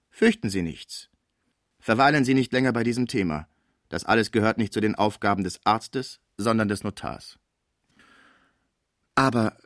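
A man voicing a scheming, fawning older female portress in an audiobook, flattering and pushy. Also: on the low side, dry recording, clean studio sound. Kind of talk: audiobook character voice.

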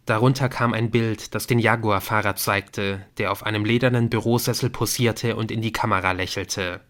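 A man reads an audiobook aloud in a steady, measured voice that sits on the low side. It's scripted narration.

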